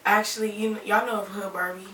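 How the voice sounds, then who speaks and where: A young woman from Alabama, raised in Ohio, chatting casually in an interview, relaxed and rambling with lots of "like". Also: mid-range voice, fast talker, recorded from a distance, a little hiss or hum. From Alabama, raised in Toledo, Ohio. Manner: relaxed, rambling, many "like" fillers. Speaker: rapper and singer, interview guest. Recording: echoey room, voice off-mic.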